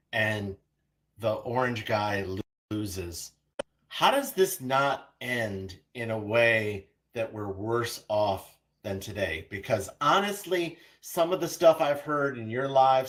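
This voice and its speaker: Brief: male caller, unhurried and halting, earnest questions on a live stream. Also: mid-range voice, fairly bright tone, poor audio. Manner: slow, hesitant, earnest questions. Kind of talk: casual live-stream call-in.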